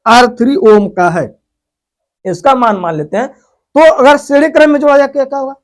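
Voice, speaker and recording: A man's voice: very high-pitched, normal speed. A man teaching a physics lesson, who keeps asking questions and answering them himself as he explains step by step. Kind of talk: whiteboard lesson.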